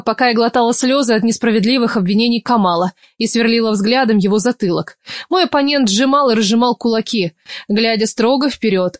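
A woman reads a first-person novel aloud, expressive and emotional. Her voice sits a little high and her delivery is animated. The recording is dry and close, with no room sound. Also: no echo. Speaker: audiobook narrator.

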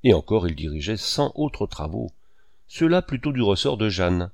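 A man narrates a classic novel in a measured, expressive way. His low, gravelly voice moves with lively pitch, and the sound is close and dry with no room echo. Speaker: audiobook reader. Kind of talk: literary audiobook narration.

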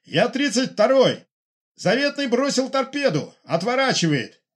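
A man voicing a seaplane pilot who shouts urgent reports over the radio in a high, strained voice. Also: very animated, unhurried, husky, full character voice.

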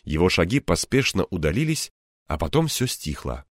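Мужчина читает аудиокнигу от первого лица, выразительно проживая напряжённые моменты. Голос пониже среднего, с живой, подвижной интонацией, а запись сухая, без отзвука комнаты. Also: male voice, low-pitched, normal speed, no room sound, clean studio sound. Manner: expressive, acts out tension. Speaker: audiobook narrator. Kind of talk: first-person audiobook narration.

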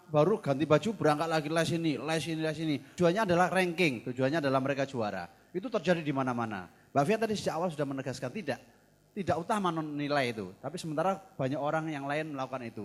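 A man moderating a discussion, chatty and joking with the audience. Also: fairly high pitch. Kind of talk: casual moderating talk.

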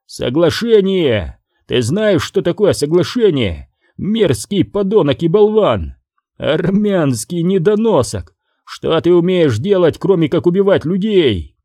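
A furious middle-aged mob boss, put on by a male audiobook reader, raising his pitch well above the narration and shouting his insults. He bites off every word, his voice swinging wildly up and down. The voice stays dark and mellow, recorded dry and close. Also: big pitch swings, a little slow, dry recording, full character voice. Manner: shouting, scolding, hammering each word.

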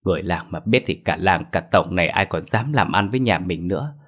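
A man's voice: sits low, animated, a little fast, a bit bright. A man voicing an anxious older mother who pleads and wails for her daughter. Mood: pleading. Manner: pleading, wailing.

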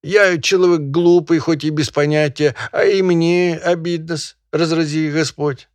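A man voicing a timid old peasant poacher who pleads with his master in a high, trembling, stammering voice. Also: fairly even intonation, unhurried, dry recording, natural voice. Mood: earnest, pleading. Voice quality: high trembling falsetto with hesitant "e" fillers.

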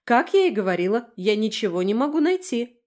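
A woman's voice: a little high, sing-song, fairly quick, darkish tone, pitched above the performer's own voice. A woman voicing a brash, sarcastic, chatty young woman in an audiobook, teasing and mocking. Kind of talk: audiobook character voice.

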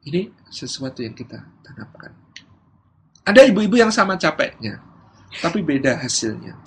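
A man from Indonesia delivers a religious talk on raising children, his voice sitting a bit high. He slips into lively impressions of mothers and kids to make his points. A faint ambient hum sits under the recording. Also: moderate pace, low-quality recording. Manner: acts out parents and children in raised voices. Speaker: preacher.

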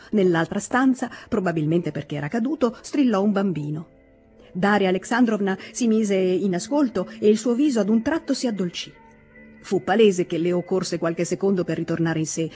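An audiobook reader with a medium-pitched voice narrates a classic novel aloud. Her literary narration is measured and expressive.

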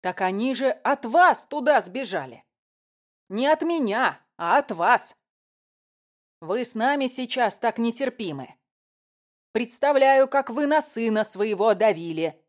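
A woman's voice: fairly high pitch, expressive, measured pace, pitched above the performer's own voice. A woman reading an audiobook, voicing a combative male official who argues in a raised, lecturing voice. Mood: heated, lecturing.

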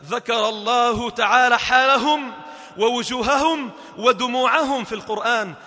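A man with a Levantine Arabic accent giving a Friday sermon in a mosque, swinging from soft talk to shouting. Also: very high-pitched, normal speed. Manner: impassioned, swings between soft talk and shouting, chants scripture verses. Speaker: Friday preacher. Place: mosque prayer hall. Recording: long reverb of a large hall.

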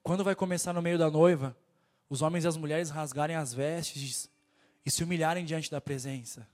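A man's voice: on the high side, fairly even intonation, normal speed, darkish tone. A man preaching a fervent sermon with a nasal voice and a Brazilian Portuguese accent, urging his listeners over and over. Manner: fervent, exhorting, keeps repeating "my brother".

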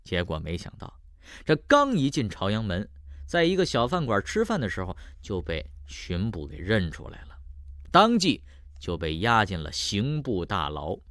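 A man's voice: on the low side, wildly swooping pitch, normal speed, fairly bright tone, dry recording, studio quality. A man narrating a traditional tale in a dramatic style, voice rising and falling with the action. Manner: dramatic, swelling rises and falls. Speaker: storyteller. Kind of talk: traditional Chinese storytelling narration.

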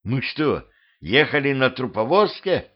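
A man voicing a gruff, short-tempered middle-aged gravedigger who talks bluntly, in a self-made audiobook. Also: medium pitch, big pitch swings, a little slow. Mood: wary. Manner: blunt, irritable. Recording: dull lo-fi home recording.

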